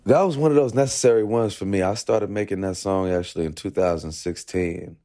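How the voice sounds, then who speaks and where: Deep low guy musician talking loose and thoughtful in an interview, lots of you knows. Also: fairly quick, warm tone. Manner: reflective, loose, says "you know" often. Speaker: guest musician. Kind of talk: casual interview talk.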